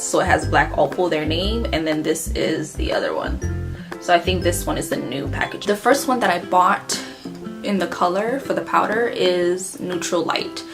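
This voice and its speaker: Over a clearly audible guitar track, a woman speaking in a lower register with a slight Haitian Creole accent chats about the makeup she loves most. As a beauty vlogger giving a casual review, she wanders from point to point, saying um a lot and fixing her own words as she goes.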